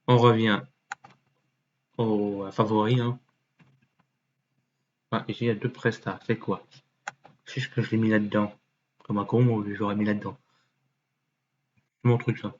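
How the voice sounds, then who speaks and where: A man thinking aloud as he clicks through a website, muttering and swearing under his breath, with many fillers and sudden jumps into a mock high voice. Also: little pitch movement, measured pace, long pauses. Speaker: YouTuber. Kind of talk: casual screen-recording commentary. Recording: dull lo-fi mic with faint noise.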